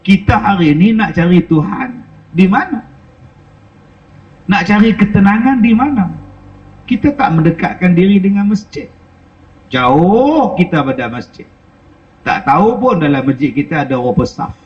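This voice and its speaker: A man's voice: high voice, expressive, moderate pace, long pauses, dull audio. A middle-aged man, preaching a sermon with rhetorical questions and repeated phrases. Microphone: wireless lapel mic.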